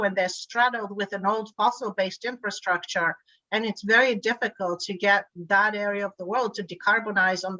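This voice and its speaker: A woman's voice: medium pitch, sharp tone, dry recording, dull audio. A middle-aged woman from Bulgaria, a guest in an interview, speaking fluently but often repeating words as she restarts. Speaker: guest, energy grid board chair. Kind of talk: remote interview conversation.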